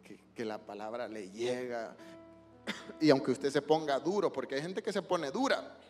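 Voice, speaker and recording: A male pastor preaching an emotional sermon in a church, swinging from hushed lines to loud cries. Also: mid-range voice, moderate pace, long reverb tail, soft background music. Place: church sanctuary.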